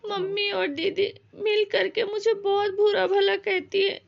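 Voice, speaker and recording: A woman's voice: very high voice, fairly even intonation, measured pace, creaky, full character voice. A woman acting a meek, mistreated daughter-in-law who pleads in a family drama. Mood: tearful. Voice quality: pleading, tearful. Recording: dull lo-fi audio.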